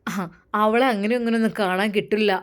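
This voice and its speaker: A woman voicing a calm young male religious scholar in a storytelling video, speaking low and softly. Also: brisk, close to an everyday voice. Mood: explaining.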